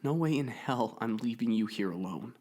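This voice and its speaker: A man's voice: medium pitch, animated, normal speed, a little mellow, voice pushed up, natural voice. A man voicing a nervous but loyal young girl, speaking hesitantly yet with resolve. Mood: worried, resolute.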